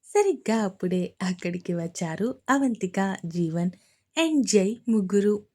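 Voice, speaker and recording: A woman narrating a romance drama story with steady, dramatic storytelling. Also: medium pitch, unhurried.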